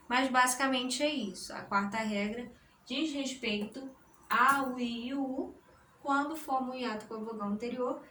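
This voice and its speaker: Slow, deliberate woman teacher. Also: a little high, fairly bright tone, distant mic. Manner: deliberate, splits words into syllables. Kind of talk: explaining a grammar lesson at a board. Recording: roomy echo, voice from the mic, faint noise.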